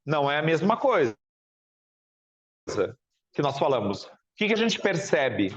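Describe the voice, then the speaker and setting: A man's voice: on the high side, very animated, a little slow, highs cut off. A man from Porto Alegre with a southern Brazilian accent, teaching a classroom lecture and often asking the class questions. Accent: Brazilian Portuguese, Porto Alegre. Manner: questioning, chatty, ends phrases with tag questions.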